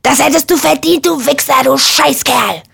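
A woman voicing a violent, jealous young man who taunts and shouts insults. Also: sits high, normal speed, creaky, no room sound, clean studio sound, pitched above the performer's own voice, exaggerated voice. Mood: raging.

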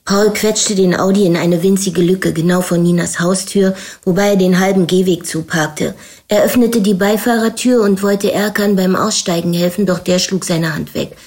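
A woman's voice: medium pitch, steady tone, normal speed, a little mellow. Woman reading a crime thriller aloud. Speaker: audiobook reader. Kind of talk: scripted narration.

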